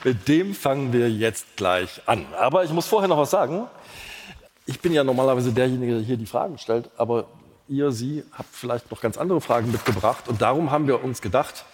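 A man from Lower Saxony co-hosting a live podcast on stage, dry and playful as he runs the show. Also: expressive, moderate pace, darkish tone. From Lower Saxony, Germany. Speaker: podcast co-host. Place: large concert hall before an audience. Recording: hall reverb with faint noise.

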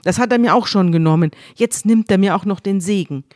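A woman's voice: medium pitch, a little fast, a little mellow, no room sound, studio quality, natural voice. A woman voicing a bitter, betrayed young man who pleads with his father, as she retells an old story in a podcast chat. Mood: pleading. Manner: pleading, aggrieved.

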